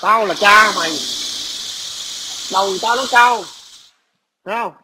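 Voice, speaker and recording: A man's voice: high-pitched, unhurried, noisy background. A man, ranting aggressively and profanely into a phone camera at his workplace. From Vietnam. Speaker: vlogger. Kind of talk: angry ranting video message.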